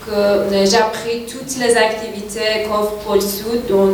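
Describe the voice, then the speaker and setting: A woman reads a prepared self-introduction slowly and carefully, in a flat, even tone. She sounds distant, in a very echoey room, with faint background noise. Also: medium pitch. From Iran. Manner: slow, careful, even delivery.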